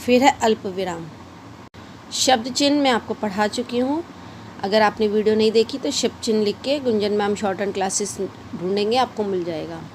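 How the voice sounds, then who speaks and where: A woman's voice: mid-range voice, normal speed, darkish tone, slight background noise. A woman teaching a shorthand lesson in a casual way, explaining patiently and repeating her examples. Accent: Hindi-English mixed.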